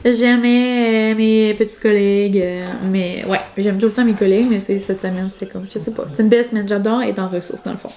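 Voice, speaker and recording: A woman's voice: mid-range voice, steady tone, fairly quick, hardly any pauses, warm tone. A woman talking casually to her vlog camera at home, rambling and chatty with lots of fillers. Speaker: vlogger. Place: home, indoors.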